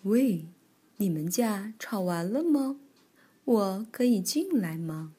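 A woman voicing a kindly old grandmother bear in a children's storybook, speaking softly and lower than her own voice. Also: animated, slow, husky. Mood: teasing. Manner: soft, kindly, soothing.

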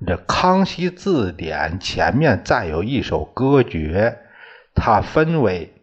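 A man teaching a class in a slow, deliberate way, often restating his terms. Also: on the low side, sing-song, slightly rough. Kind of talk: lecture on classical poetry tones. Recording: dull lo-fi recording.

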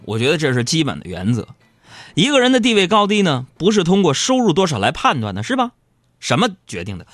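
A man's voice: high voice, no echo. A man hosting a radio show, telling comic stories in a playful, bantering way. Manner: storytelling, lively and bantering. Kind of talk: comic monologue.

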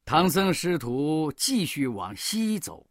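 A woman storyteller narrating a children's story in a slow, drawn-out, animated way. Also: deep voice, no echo, clean studio sound.

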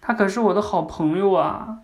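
A small grieving girl of about four, as a man puts her on, pleading and insistent. The voice is pitched up high with a rough, gravelly edge, in a spoken lesson. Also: moderate pace. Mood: wistful.

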